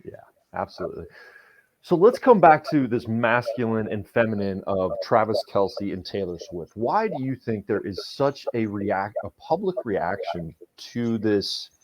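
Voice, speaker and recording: A man's voice: on the low side, sing-song, a little slow, dry recording. A man hosting a podcast in casual discussion, reflective and often restarting his words as he thinks. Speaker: podcast host.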